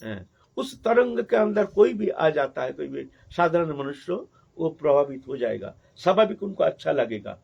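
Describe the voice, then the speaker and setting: A man, a sadhu, telling a devotional story in a sermon, with animated, repetitive phrasing, in a dull lo-fi recording. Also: on the high side, moderate pace, vocal fry, slightly rough. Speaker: sadhu preacher.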